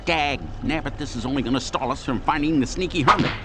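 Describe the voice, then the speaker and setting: An actor playing an exasperated, earnest aging superhero sidekick in a cartoon game. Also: male voice, fairly high pitch, fast talker, heavy background noise, close to an everyday voice. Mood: fretful.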